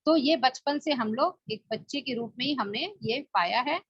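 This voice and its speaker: A woman with a slightly husky, somewhat high voice leads a guided self-help session. She coaxes her listeners step by step and repeats her instructions often. The sound is dry and a little muffled. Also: normal speed, dry recording. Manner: coaxing, repeats instructions, addresses listeners as friends. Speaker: meditation and self-help teacher.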